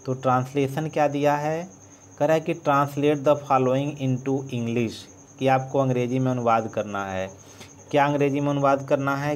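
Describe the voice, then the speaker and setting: Indian english teacher guy, very slow, spells letters while writing, voice drops off quiet, faint insect hum behind. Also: mid-range voice. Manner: dictates letter by letter, trails off softly while writing. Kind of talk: slow board-writing lesson, spelling out words.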